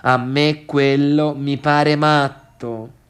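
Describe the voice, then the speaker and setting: A man with a fairly high, level, smooth voice draws out his words. He's an actor in a theatre monologue playing a gossipy, needling party guest and domineering friend who chats insistently, repeats himself, and speaks straight to his listeners, all in a sullen, defiant mood.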